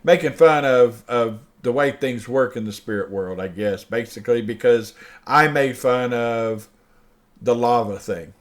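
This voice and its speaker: Older male host telling a true story, lively and animated, voicing both sides of the conversation. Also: mid-range voice, a little slow. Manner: animated, acts out dialogue, laughs mid-sentence. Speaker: show host. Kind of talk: personal storytelling.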